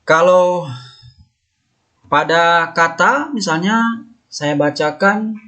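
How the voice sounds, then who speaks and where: A man teaching a recorded lesson, patiently explaining and repeating each term slowly while pointing at marks on a slide. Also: a little high, sharp tone. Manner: patient, explanatory, with many fillers.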